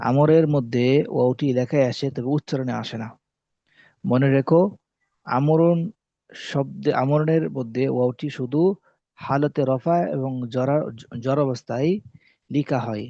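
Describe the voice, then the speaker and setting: Speaking in a warm, mid-range voice with no echo, a man leads a classroom-style lesson on the rules of Arabic spelling. He restates the important points and answers questions he asks himself, all captured on a dull, lo-fi recording.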